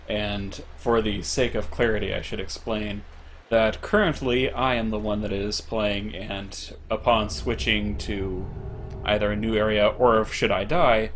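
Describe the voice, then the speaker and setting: A man co-hosting a gaming stream and playing, relaxed and agreeable as he explains things. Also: lowish voice, a little slow, slight background noise. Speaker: co-host and player on a gaming stream. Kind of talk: casual chat over gameplay.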